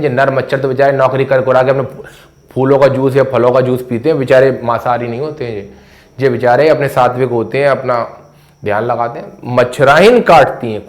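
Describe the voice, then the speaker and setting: A man teaching English pronunciation at a board in a chatty, jokey way, repeating key words to drill them. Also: mid-range voice. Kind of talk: casual classroom lesson at a board.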